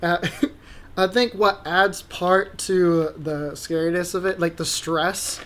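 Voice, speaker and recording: A young man co-hosting a podcast in casual chat, relaxed, laughing often and trailing off mid-sentence. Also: high-pitched, slow pace. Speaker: podcast co-host.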